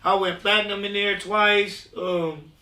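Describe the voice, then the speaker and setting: A high, bright-voiced man from California sits in as a guest and spins loose, slang-heavy stories, slipping into the voices of the people in them. He sounds set back from the mic in a roomy space that adds a clear echo. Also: little pitch movement, a little slow, recorded from a distance. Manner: loose slangy storyteller who acts out quoted voices. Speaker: guest, recording artist just out of jail. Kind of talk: casual podcast interview.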